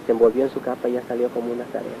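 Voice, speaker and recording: A man's voice: mid-range voice, monotone, very fast, vocal fry, mellow. A man with a Mexican Spanish accent recounting personal memories, acting out quoted speech as he tells the story. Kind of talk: personal testimony. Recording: muffled 1980s tape with faint hiss.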